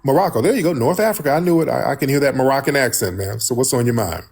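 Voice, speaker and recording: Slightly husky American man hosting live talk. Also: mid-range voice, animated, fast talker, a little mellow. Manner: blunt, colloquial, swearing. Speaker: host.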